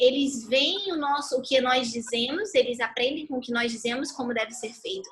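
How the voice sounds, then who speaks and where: High-voiced Brazilian woman teaching on a call. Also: rough recording. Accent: Brazilian Portuguese. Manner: animated, chatty storytelling. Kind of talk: live online talk. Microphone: video call.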